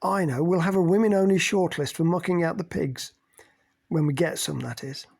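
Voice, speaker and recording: A man's voice: on the high side, moderate pace, creaky, darkish tone, slightly rough, pitched above the performer's own voice. Man doing a jeering, blunt woman. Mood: mocking. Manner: mocking, jeering.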